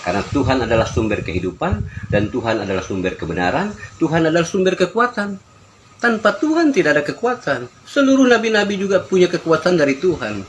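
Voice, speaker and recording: A man's voice: on the high side, big pitch swings, fast talker, hardly any pauses. An older man giving an informal religious discourse in an emphatic, aphoristic, teacherly way. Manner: emphatic, aphoristic, didactic delivery. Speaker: spiritual teacher answering questions. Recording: noisy ambient background.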